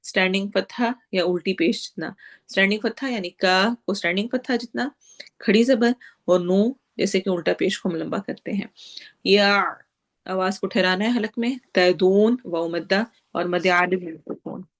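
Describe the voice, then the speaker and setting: A woman with a mid-range voice teaches the rules of Quran recitation, reciting each phrase slowly and drawn out before explaining the rule quickly in plain classroom speech. She also assigns her students homework and practice.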